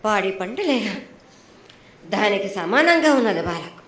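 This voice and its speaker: A woman's voice: medium pitch, sing-song, a little slow, echoey room, crowd noise. A woman with a Telangana accent speaking as an oracle in a prophetic trance voice, sternly admonishing in short, repeated phrases. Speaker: oracle delivering annual festival prophecy.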